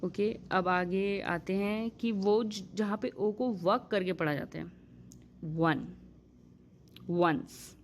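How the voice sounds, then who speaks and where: A woman teaching English vowel sounds in a patient lesson, spelling out example words slowly. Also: medium pitch, slight background noise. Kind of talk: Hindi-language pronunciation lesson.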